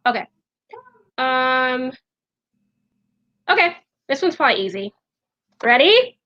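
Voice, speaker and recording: A bright, high-pitched woman talks in a playful, giggly way, breaking into hummed snatches of songs between her remarks. Her voice has a sharp, ringing edge. The audio is dull and lo-fi, like a video call. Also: big pitch swings, takes it slowly. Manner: giggly, playful, hums song lines. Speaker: co-host. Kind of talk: casual chat, singing snippets.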